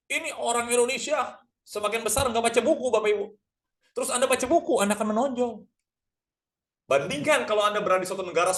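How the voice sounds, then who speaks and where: Middle-aged guy running a sales class online, talks fast, pumps up the audience with questions. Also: high voice. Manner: energetic, addresses audience as Bapak Ibu, rhetorical questions. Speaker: sales trainer.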